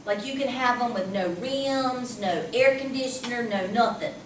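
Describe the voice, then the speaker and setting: A woman math teacher giving a lively classroom lecture, talking casually and asking the class questions. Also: fairly high pitch, moderate pace. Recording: echoey classroom from a distance, faint hum.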